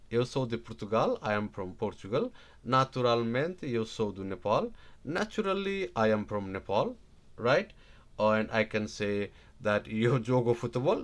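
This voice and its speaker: A man teaches a live online language lesson, repeating example phrases slowly and checking in with "right?" after each. He's animated, stressing words with sudden loud, high jumps.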